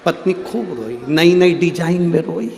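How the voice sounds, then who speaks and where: A man's voice: fairly high pitch, moderate pace, creaky, darkish tone, slight background noise. A man from central India giving a devotional sermon, telling a story dramatically and acting out voices. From Madhya Pradesh, India. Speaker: religious storyteller. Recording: echoey hall-like PA sound.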